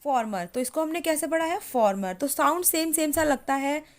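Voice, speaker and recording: A woman teaching English in a chatty lesson, spelling words slowly letter by letter and repeating herself often. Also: high voice, lively intonation. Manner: repeats words and keeps saying "theek hai". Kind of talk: chatty classroom-style lesson.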